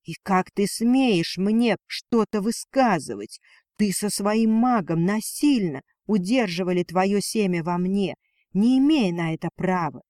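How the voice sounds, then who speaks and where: A man voicing a fierce, protective dragoness mother in a storybook reading, his voice pushed higher and emotional. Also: animated, measured pace, darkish tone, dry recording, studio quality. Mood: furious. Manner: pleading then defiant, raised voice.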